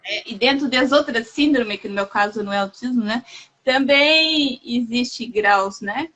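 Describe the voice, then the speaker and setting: Woman, fairly high voice, casual live chat, warm, halting, lots of fillers. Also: rough recording. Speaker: host.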